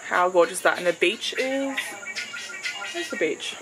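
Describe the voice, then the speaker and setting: A woman's voice: lowish voice, expressive, moderate pace, music in the background. A young Australian woman in her twenties chatting casually to a handheld camera on a road trip, leaning heavily on fillers like "like". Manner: chatty, filler-heavy, says "like" often. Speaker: travel vlogger. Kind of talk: casual vlog chat to camera. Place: car and outdoors on a road trip. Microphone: handheld camera or phone. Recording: noisy with vehicle and outdoor sound.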